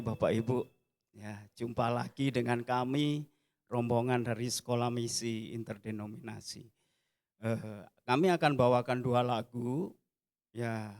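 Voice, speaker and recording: A man introducing his mission school choir at an online church service, explaining in a relaxed way with small fillers. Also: mid-range voice.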